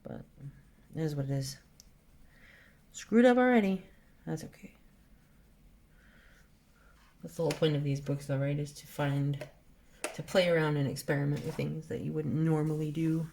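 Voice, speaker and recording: Slight background noise sits under this low-pitched woman's voice, which has vocal fry, a normal pace and long pauses. In her forties, she's an art vlogger casually musing about colors as she draws, her sentences drifting off unfinished.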